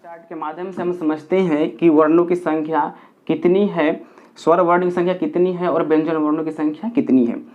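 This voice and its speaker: A man's voice: a little high, steady tone, moderate pace. A man teaching a grammar lesson at a board, counting aloud step by step and repeating key points for his pupils. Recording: dull lo-fi recording.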